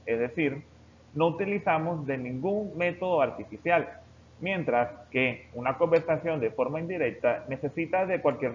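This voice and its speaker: Male teacher, higher-pitched voice, steady explanatory lesson delivery, muffled lo-fi recording. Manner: steady explanatory delivery, addressing students directly. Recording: dull lo-fi recording with faint background hiss.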